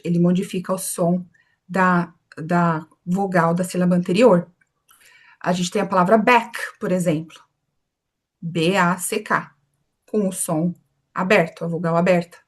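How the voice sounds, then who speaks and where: A woman teaching an online English pronunciation lesson, modeling words slowly and carefully for her students to repeat. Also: fairly low pitch.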